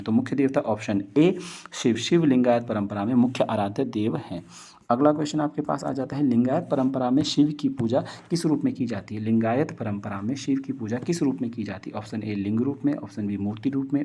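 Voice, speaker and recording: A man's voice: mid-range voice, mellow. A man teaching a history lesson, reading multiple-choice questions and options aloud and then explaining each answer, often repeating key points and mixing in English words. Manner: mixes in English words and phrases. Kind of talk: exam question walkthrough.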